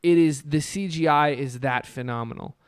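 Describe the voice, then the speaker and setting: Excitable young man, smooth clear voice. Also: on the high side, normal speed, no room sound, clean studio sound. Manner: rambling, enthusiastic, many fillers. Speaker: podcast co-host. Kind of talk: casual chat.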